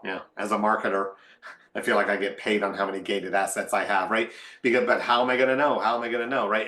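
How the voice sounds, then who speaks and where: A man's voice: on the low side, a bit bright, roomy sound. A man, a marketing executive, answering on a webinar panel in a candid, wry way, thinking aloud.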